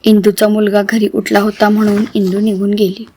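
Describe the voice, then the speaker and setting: Woman narrator, storybook reading, steady, plain, mid pitch. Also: normal speed, slight background noise.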